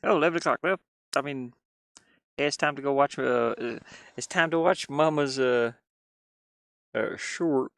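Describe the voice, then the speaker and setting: Speaking at medium pitch and normal speed, he has vocal fry, a fairly bright tone, and pauses often; the studio sound is clean, with no echo. The man, a game-streaming host who designs games for fun, mutters and thinks aloud in casual livestream chat as he works on screen.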